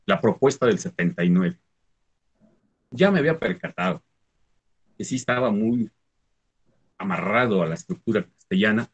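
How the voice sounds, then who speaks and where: A man's voice: fairly low pitch, breathy edge, highs cut off. A man from the Huasteca region of Mexico with a Mexican Spanish accent, a Nahuatl teacher explaining spelling and pronunciation in a conversational talk, often checking in with the listener.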